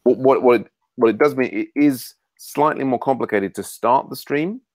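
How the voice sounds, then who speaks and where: A man's voice: medium pitch, normal speed, no room sound, low-quality recording. A man hosting a casual online meeting, talking with many fillers and restarts over a video call. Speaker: meeting host.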